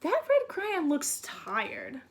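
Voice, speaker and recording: Her voice sits high, with huge pitch swings and a slow pace. She is a read-aloud teacher introducing a picture book to young children and reading it to them in simple, child-directed speech led by questions.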